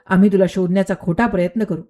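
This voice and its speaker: A woman's voice: medium pitch, fairly even intonation, fast, dark tone, close to an everyday voice. A woman voicing a scheming male royal minister who gives sly orders in a storybook tale. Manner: commanding, sly.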